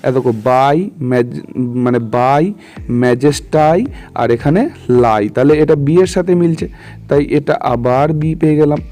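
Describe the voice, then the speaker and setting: A man's voice: fairly high pitch, moderate pace, dark tone. A man teaching a literature lesson, explaining step by step and often checking that students follow. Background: faint background music.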